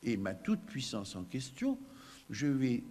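A man's voice: mid-range voice, wildly swooping pitch, slow, a little mellow, voice pushed up, full character voice. A man voicing a stubborn, scheming baby boy who gleefully tells how he outwits his mother. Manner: gleeful first-person storytelling, mock triumphant. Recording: long hall reverb, faint background noise.

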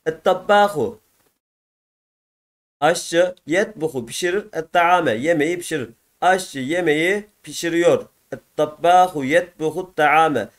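A man's voice: on the high side, unhurried. Turkish-accented man teaching vocabulary. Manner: explains patiently, repeats each word twice, addresses viewers as friends. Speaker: Arabic teacher. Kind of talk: textbook answer walkthrough lesson.

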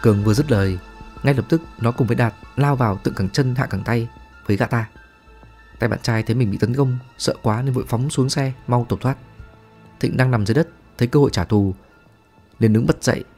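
A man narrating a scripted ghost story as a storyteller, reading at an even, steady pace. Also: mid-range voice.

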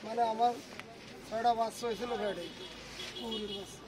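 A man's voice: sits high, fairly even intonation, fairly quick. A man cutting fish at an outdoor market, telling a long rambling story in casual chat. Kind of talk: casual chat while working. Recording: loud outdoor market crowd. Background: busy crowd noise.

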